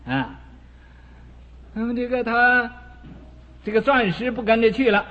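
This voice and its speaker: A man preaching a Buddhist moral parable in a slow, storytelling way, with frequent drawn-out fillers and English words mixed in. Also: extremely high pitch, flat delivery. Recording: dull lo-fi recording in a reverberant hall.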